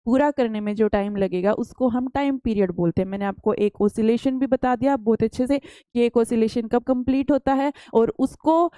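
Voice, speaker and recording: A young woman teaching a science class, patient and repetitive, keeps putting questions to her pupils and answering them herself. Her voice sits a little high, with a warm, mellow tone. The sound is close and dry, with no room echo. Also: moderate pace, clean tone. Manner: explains patiently, repeats questions back to pupils.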